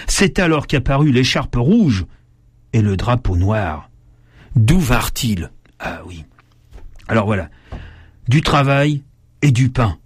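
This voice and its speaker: A man's voice: medium pitch, no room sound, studio quality. A man reading aloud from old newspapers and breaking off to comment, with many fillers and restarts. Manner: hesitant, many fillers and restarts between read passages.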